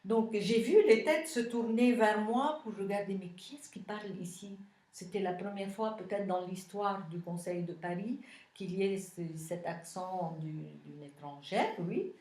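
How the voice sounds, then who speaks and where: A woman's voice: medium pitch, dark tone. Lebanese-accented woman, roomy sound. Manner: thoughtful, many pauses and hesitations. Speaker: Paris city councillor. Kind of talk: interview answers.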